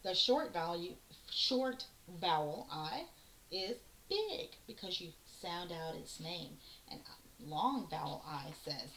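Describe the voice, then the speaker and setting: A woman teacher giving a phonics lesson to young children, slowly and patiently sounding out words letter by letter. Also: fairly low pitch, animated, a bit bright. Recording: echoey room with faint hiss.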